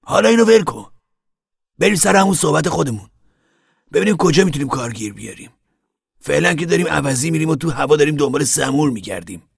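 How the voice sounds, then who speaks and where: Brief: man voicing an impatient young driver, raised and gravelly, husky, storybook reading. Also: fairly high pitch, expressive, no echo, studio quality, pitched above the performer's own voice, exaggerated voice. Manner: quick, pushy, impatient.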